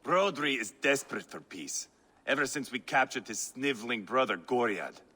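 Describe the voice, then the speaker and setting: A man's voice: medium pitch, expressive, normal speed, sharp tone, slightly rough. A man voicing a brash, scarred Viking warlord who talks in a crude, mocking, taunting way in video game dialogue. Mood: scornful.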